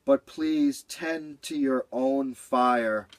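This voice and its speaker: A man's voice: sits high, unhurried, voice pushed up. A man voicing a clever, helpful male cat in a storybook, calling out urgently and then sounding smug and proper. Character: high-voiced clever male cat neighbor, brave and helpful.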